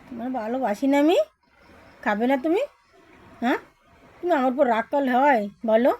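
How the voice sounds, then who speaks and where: A woman's voice: high-pitched, moderate pace, a little mellow, poor audio. A woman vlogger coaxing a pet to eat in cooing, singsong baby talk, with lots of endearing repetition.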